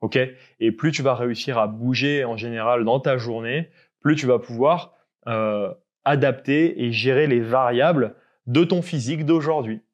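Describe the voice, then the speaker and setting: A young man coaching fitness in a casual, explanatory way, with a voice of ordinary middle pitch. He lays out each point for the viewer and keeps checking that they follow. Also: normal speed, muffled recording.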